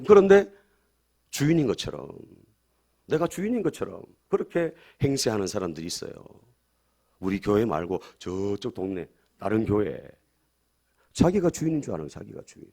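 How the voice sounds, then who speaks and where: Emphatic pastor preaching. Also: male voice, lowish voice, sing-song, moderate pace, vocal fry, long pauses, mellow. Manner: emphatic, repeats key phrases, has the congregation repeat after him. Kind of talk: sermon.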